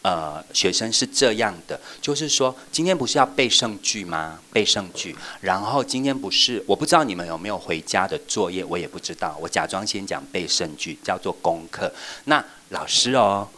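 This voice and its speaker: Lively lower-voiced man teaching. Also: moderate pace, few pauses, slight background noise. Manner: playful, lively, acts out examples. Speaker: children's church teacher trainer. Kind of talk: teaching workshop.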